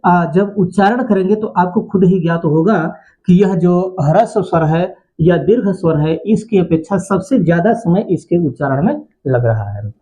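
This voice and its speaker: Slow-speaking male grammar teacher, lo-fi. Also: sits high, warm tone. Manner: repeats phrases and asks the class questions. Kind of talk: classroom lecture. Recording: dull lo-fi sound.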